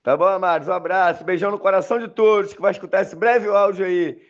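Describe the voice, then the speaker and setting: A man's voice: sits high, steady tone, fast talker, lo-fi sound. A man with a Brazilian Portuguese accent recording a voice message, talking insistently and repetitively to his listeners. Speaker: religious commentator. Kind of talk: voice message monologue.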